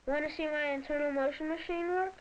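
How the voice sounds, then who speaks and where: A woman's voice: high-pitched, fairly even intonation, fast, close to an everyday voice. A woman playing a proud, stubborn young child inventor in scripted 1970s educational film dialogue. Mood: questioning. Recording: dull, faintly noisy vintage film soundtrack.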